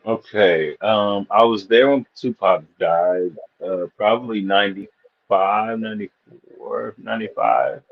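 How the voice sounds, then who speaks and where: With vocal fry and a measured pace, a fairly low-voiced man from Missouri wanders through anecdotes on an informal live panel. He's a loose, foul-mouthed storyteller, heard over dull, lo-fi stream audio.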